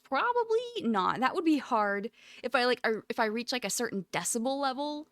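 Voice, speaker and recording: The recording is dry, picking up a woman's fairly high, fairly quick voice through a close USB mic. She's a live streamer chatting affectionately and aimlessly with viewers, giggling a lot and often breaking into loud laughter.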